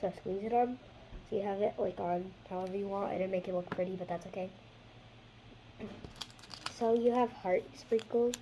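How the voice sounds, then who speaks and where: A woman talks through a craft demo in a loose, rambling way, often trailing off mid-thought. Her voice is a little hoarse, as if she is losing it, and sits at an ordinary middle pitch. Faint background noise hums under her. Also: fairly even intonation, normal speed, pauses often, warm tone, poor audio. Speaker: craft video host. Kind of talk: casual how-to chat.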